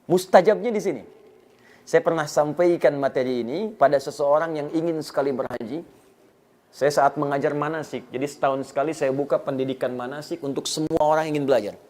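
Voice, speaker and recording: Male preacher, fairly high voice, sermon built on vivid stories and rising emphasis. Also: a little mellow. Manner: storytelling with acted quotes, rising to emphatic peaks.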